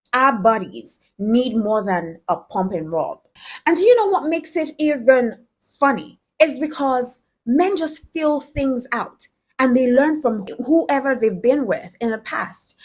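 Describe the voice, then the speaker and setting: Speaking frankly and directly to her viewers, a woman gives relationship advice in a conversational, direct-to-camera style. Her voice is fairly high and slightly rough.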